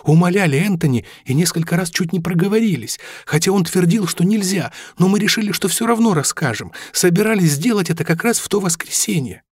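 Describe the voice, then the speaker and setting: A man's voice: sits high, expressive, brisk, hardly any pauses, slightly rough, dry recording, studio quality, voice pushed up. A man reading aloud voices an earnest young woman student who tries to keep the peace.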